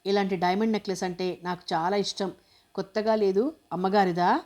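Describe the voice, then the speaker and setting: A woman reading a teasing, quick-witted young woman. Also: mid-range voice, natural voice. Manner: teasing, bright and lively.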